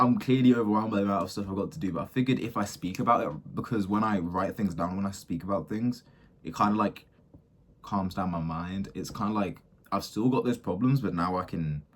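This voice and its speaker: Rambling husky young man. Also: low voice. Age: 20s. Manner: rambling, self-interrupting, many fillers. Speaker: small business owner. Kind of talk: casual thinking-out-loud monologue.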